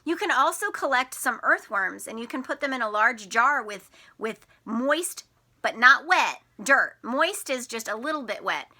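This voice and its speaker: Her voice is fairly high with lively intonation and a measured pace, bright and forceful in tone. A teacher reading a picture book to young children, she explains simply, questions them, and stresses key words expressively.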